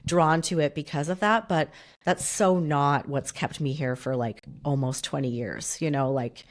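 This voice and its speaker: Low-voiced woman, slightly nasal from a cold. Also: normal speed. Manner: chatty, wanders off on tangents. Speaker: podcast co-host. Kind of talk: casual chat.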